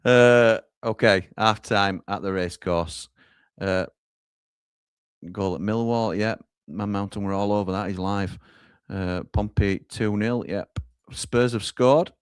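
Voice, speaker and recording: Guy hosting a footy watchalong, lowish voice, reads out comments, dry close sound. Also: slow, clear, resonant tone, no echo. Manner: reads out viewer comments and hands over to reporters. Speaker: watchalong host. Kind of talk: live football watchalong chat.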